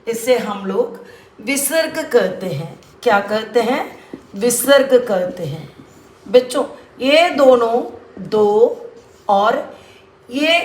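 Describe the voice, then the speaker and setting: A woman from South India, with a South Indian accent, patiently teaches children a Hindi grammar lesson, repeating and drilling sounds while mixing in English words. Her voice is a little high and the sound is reverberant.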